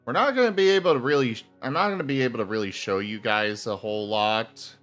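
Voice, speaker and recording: A man streaming casually whose voice comes through glitchy and skipping, the pitch jumping, as he talks through tech trouble. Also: fast talker, fairly bright tone, faint music behind. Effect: glitchy, skipping audio with jumping pitch. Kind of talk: casual live stream chat.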